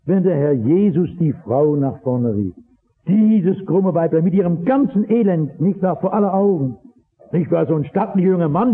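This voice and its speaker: A man preaching a sermon, impassioned, swinging from loud exhortation to low earnest asides. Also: breathy edge. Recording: tinny old radio broadcast.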